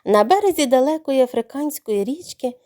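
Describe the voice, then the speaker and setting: A woman narrating a children's audio fairy tale in an expressive storybook reading. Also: high voice, normal speed.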